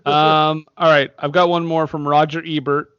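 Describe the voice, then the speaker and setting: A man's voice: on the high side, little pitch movement, normal speed, a bit bright, smooth, dry recording, muffled recording. Laughing man co-hosting a film podcast. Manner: laughs often, reads reviews aloud. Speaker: podcast co-host. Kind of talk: casual movie-review chat.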